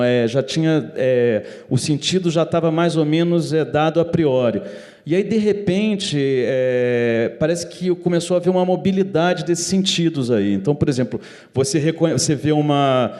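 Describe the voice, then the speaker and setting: Higher-voiced man musing on a panel. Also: a little mellow. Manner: thinks aloud with many hesitations and restarts. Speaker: writer on a panel. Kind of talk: reflective panel talk. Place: auditorium at a literary event. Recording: long hall reverb.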